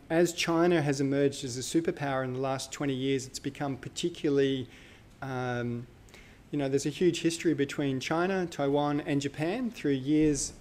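A man delivers a live university lecture in a slightly high, slightly mellow voice. He speaks casually and conversationally, thinking aloud with fillers and self-corrections.

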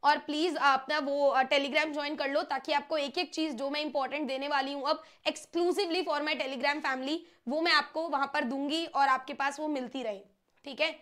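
A woman's voice: high-pitched, steady tone, moderate pace, a bit bright. A young woman teaching an online class, chatty and coaxing, often checking whether students follow. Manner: chatty, coaxing, mixes Hindi with English.

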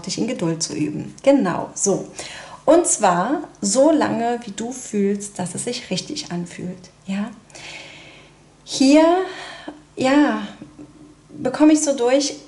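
A woman's voice: medium pitch, roomy sound, a little hiss or hum. A woman giving a casual tarot card reading, talking chattily with many tag questions and fillers. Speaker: tarot reader.

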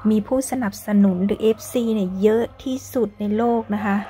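Inside a football stadium museum, a young woman hosts and guides a casual tour vlog, narrating in a polite, chatty way with frequent soft particles at the ends of sentences. Her medium-pitched voice is fairly quick with fairly even intonation, she speaks Thai-accented English when she switches, and there is slight background noise.

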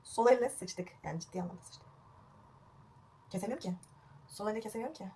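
Fast-talking chatty young woman vlogger. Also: medium pitch, a little hiss or hum. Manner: chatty, self-mocking, swearing, excitable. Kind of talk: casual home haircut vlog. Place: at home indoors.

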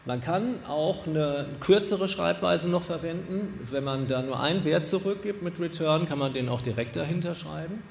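Middle-aged man, developer giving a conference talk; relaxed, explanatory, filler-heavy; podium mic in a reverberant lecture hall with faint hiss. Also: a little high, moderate pace, creaky, hardly any pauses. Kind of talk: conference talk with live coding demo. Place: large lecture hall with audience. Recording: echoey hall from a distance.

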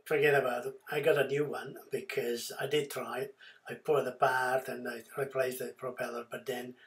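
Man narrating a boat refit, halting. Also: medium pitch, level tone, fairly bright tone. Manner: halting, many fillers and restarts. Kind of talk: casual voice-over narration.

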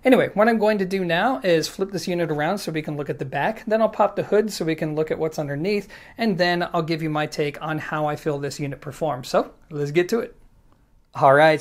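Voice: mid-range voice, darkish tone. A channel host narrating a scripted review of audio equipment in an upbeat, casual way, with jokey asides to the viewer.

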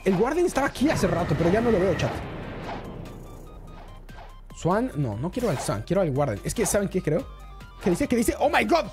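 An excitable woman streams a game live and keeps talking to her chat. Her pitch swings widely from line to line, and music plays loudly behind her. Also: normal speed, long pauses. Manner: excitable, chatty, talks to chat.

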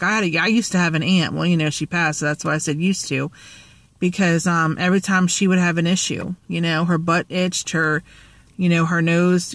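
A woman's voice: on the low side, no room sound. A woman, chatting in a rambling, joking way with lots of fillers, talking to her phone at arm's length in a parked car. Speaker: vlogger. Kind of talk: rambling casual vlog. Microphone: phone held at arm's length.

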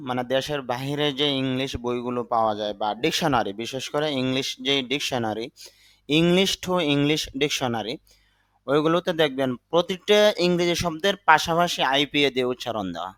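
A man teaching English vocabulary, saying each word slowly, sometimes twice, then giving its meaning. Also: a little high, fairly bright tone. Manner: repeats words slowly, then gives the meaning. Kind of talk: slow vocabulary lesson.

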